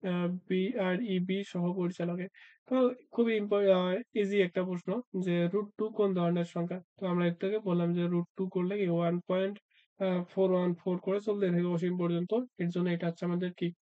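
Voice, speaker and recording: A man's voice: high-pitched, flat delivery, fairly quick, dry recording, dull audio. A man teaching an exam-prep math lesson, asking himself questions and answering them, with frequent "uh" fillers. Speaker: math tutor.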